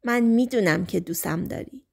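A forceful young suitor in an audiobook, coaxing and threatening by turns, performed by a woman reader. His voice stays near a plain everyday register, with a mid pitch. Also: gravelly, breathy edge. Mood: menacing. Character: young man, pushy and menacing suitor.

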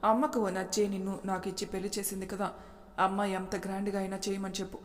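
A woman's voice: medium pitch, level tone, fast talker, natural voice. A woman voicing a cold, resentful young husband who speaks curtly and dismissively, with a long reverb. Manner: curt and dismissive.

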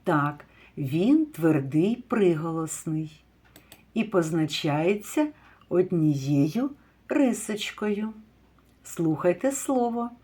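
A kindergarten teacher leads a phonics lesson for young children, sounding out words slowly and asking questions. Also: female voice, on the low side, animated, mellow, slightly rough. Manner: slow, drawn-out word sounding with praise and questions.

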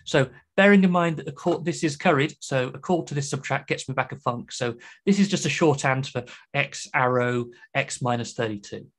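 A man's voice: medium pitch, moderate pace, a bit bright. A man with a British accent giving a chatty, enthusiastic conference talk on programming, with joking asides. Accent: British English. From Britain. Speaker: conference speaker.

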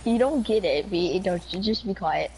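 A woman's voice: mid-range voice, lively intonation, normal speed, background noise. A woman in casual gaming voice chat who teases the others, giggling and mimicking people in silly voices. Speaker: gamer.

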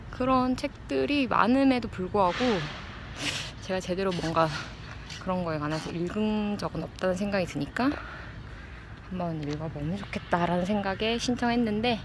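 The vlogger, a woman in her thirties with a lowish voice, talks casually and thoughtfully to her phone at arm's length in an open, wooded park. Her speech comes in hesitant fragments as she searches for words, against clear sounds of the park around her.

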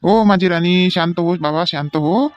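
A man, acting in a rustic comedy sketch and shouting quick repeated orders. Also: high voice, dry recording. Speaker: comic actor in a village sketch. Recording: dull lo-fi recording.

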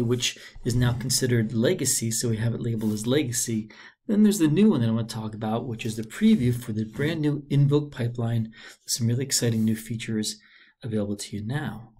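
A man presenting a software feature in a screencast walkthrough, upbeat and informal with the odd filler. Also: medium pitch, slightly rough. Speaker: product demo presenter. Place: voice-over on screen recording.

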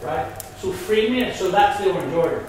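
A man's voice: sits high, animated, fairly quick, darkish tone. A man with a Belfast accent, casually and bluntly explaining things to visitors as a Freemason guide. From Northern Ireland. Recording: echoey hall from far off, with background noise.

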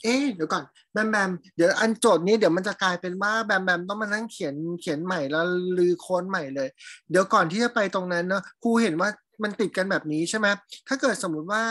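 A woman's fairly low, slightly bright voice carries this live programming class. She chats and thinks aloud while demonstrating code, using her student's name and checking whether they're keeping up.

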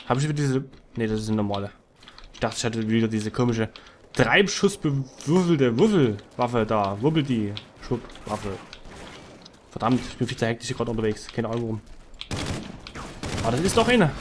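Man, gaming commentary, headset mic, animated swooping voice, excitable. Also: medium pitch, normal speed, long pauses, slight background noise. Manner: excitable, shouts out wins and losses. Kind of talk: live gameplay commentary. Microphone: headset microphone.

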